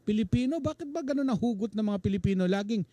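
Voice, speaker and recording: A man co-hosting a radio talk show in a studio, chatting in an animated way and acting out soap-opera lines. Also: high voice, fast talker, no echo. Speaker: radio co-host.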